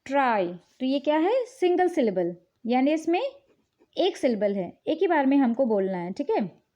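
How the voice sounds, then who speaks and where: A woman's voice: high voice, big pitch swings, moderate pace, dark tone. A woman teacher explaining English spelling rules patiently, mixing in English words and checking in often. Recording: dull, lo-fi recording.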